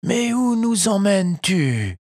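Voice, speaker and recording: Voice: mid-range voice, very animated, slow pace, a little mellow, breathy edge, no room sound, studio quality, pitched above the performer's own voice, heavily acted. A reader voicing a weak, weary old father in a storybook reading.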